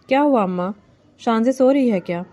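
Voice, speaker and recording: Woman reading a shy young bride, soft and pleading, fairly high warm voice. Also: lightly acted. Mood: timid. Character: timid young bride, gentle and eager. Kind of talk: novel reading.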